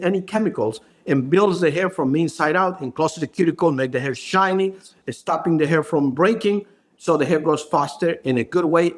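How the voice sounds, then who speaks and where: Brief: man, a co-founder, halting and searching for words, slightly high voice. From Ecuador. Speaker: brand co-founder and hairstylist. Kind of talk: podcast interview.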